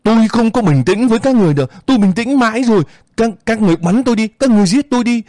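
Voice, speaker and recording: A man's voice: animated, very fast, darkish tone, no room sound, studio quality. Man putting on a wailing grieving village mother. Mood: wailing grief. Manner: wailing, high and strained.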